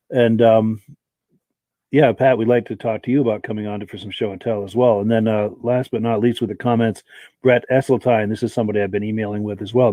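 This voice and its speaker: A man with a warm, mid-range voice hosts a live podcast on a dry recording, reading from the stream chat and thanking each viewer by name. His throat is dry, and his voice is starting to go.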